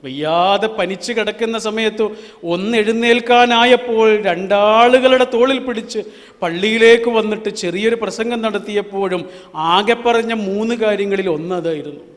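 A man preaching an Islamic sermon, asking rhetorical questions, chanting verses slowly, and swinging from loud to hushed. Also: sits high. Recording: long hall reverb.

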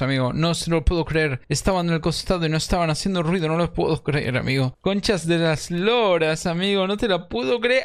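A man with an Argentine accent giving excitable live gameplay commentary, swearing and mixing in English slang. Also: fairly high pitch, smooth. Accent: Argentine Spanish. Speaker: streamer.

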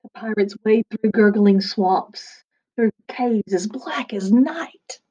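Reading a picture book to children, this forties-aged second-grade teacher speaks slowly in a mellow, mid-range voice with a breathy edge. She adds playful, chatty asides, and the lo-fi sound comes from a desk webcam in her small attic room at home.

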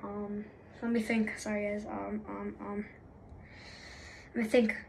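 A woman's voice: mid-range voice, level tone, slow pace, vocal fry, a little mellow, slight background noise, rough recording. A young woman talking off the cuff as a gaming YouTuber, rambling and apologizing, with lots of fillers and restarts. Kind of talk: unscripted casual commentary.

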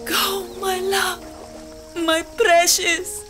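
A woman's voice: very high-pitched, little pitch movement, extremely slow, full character voice. A woman voicing Aisa, a passionate, desperate young island woman, in an impassioned audio drama performance. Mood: tender and bitter. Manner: impassioned, pleading, wild swings to cries. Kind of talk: full-cast audio drama. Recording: music score behind.

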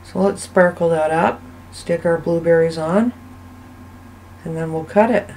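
A woman hosting a soap-making channel, giving a casual, chatty voice-over that rambles and thinks out loud as she goes. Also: lowish voice, a little slow, slight background noise, poor audio. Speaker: soap maker and channel host. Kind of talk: casual voice-over narration of a craft video.

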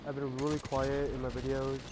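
A man's voice: medium pitch, completely flat delivery, a little fast. A young man chatting casually over video game sounds as a gaming YouTuber, rambling and repeating himself with slangy, sweary talk. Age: young adult. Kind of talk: casual chat over gameplay. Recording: noisy, game gunfire behind voice. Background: video game gunfire and ambience.

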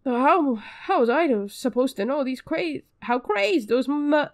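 A woman voicing a fussy male quack doctor with a weird lisp, reading his lines slowly and drawn out. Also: sits high, lively intonation, no room sound, clean studio sound.

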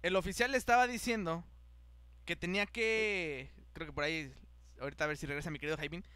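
Young male podcast host with a Mexican accent. Lively, slangy storyteller with a high voice. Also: fast, smooth, no room sound. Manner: animated, acts out the voices of people in his story, heavy slang. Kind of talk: casual storytelling chat.

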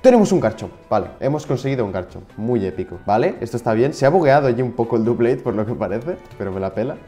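Young male gaming creator, Spain Spanish accent, relaxed mellow voice, casual excitable play-by-play with frustrated outbursts. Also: mid-range voice, fast talker, faint music behind. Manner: excitable, shouts in frustration at the game. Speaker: gaming YouTuber. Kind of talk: casual gameplay commentary.

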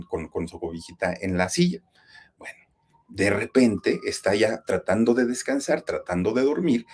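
A man's voice: mid-range voice, darkish tone, husky. A man with a Mexican accent telling a spooky story, speaking straight to his listeners and building suspense. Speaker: horror storyteller, channel host. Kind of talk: dramatic spoken storytelling.

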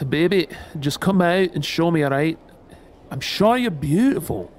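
Sweet-talking boyfriend, very lively pitch acted by a man. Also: unhurried, slight background noise. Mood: tender, coaxing. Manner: sweet-talking, coaxing endearments. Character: affectionate, impatient young Celtic boyfriend, sweet-toothed and exasperated. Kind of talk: boyfriend audio role-play, addressed to the listener.

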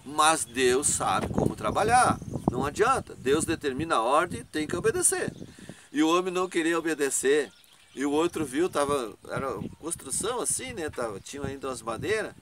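A man's voice: on the high side, sing-song, normal speed, noisy background. A man giving an informal preaching testimony, rambling, laughing often and asking 'né?' to his listeners.

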